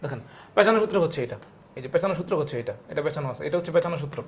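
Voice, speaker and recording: A man's voice: a little high, animated, rapid-fire. A young man from Bangladesh teaching a live online biology class, going through exam questions, repeating each point several times and calling out viewers' names from the comments.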